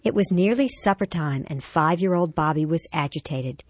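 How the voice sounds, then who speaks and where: A woman hosting a parenting talk show, reading a short story and then asking her guest questions in a measured, reflective way. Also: sits low, lively intonation, no echo. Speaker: radio talk show host. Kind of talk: scripted story reading and interview.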